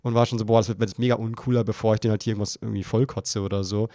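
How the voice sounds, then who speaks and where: A man's voice: rapid-fire, no room sound, clean studio sound. A young man hosting a podcast, telling a long story in casual chat and acting out his own flustered voice. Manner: animated storyteller, acts out his own panicked voice in high pitch. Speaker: podcast host.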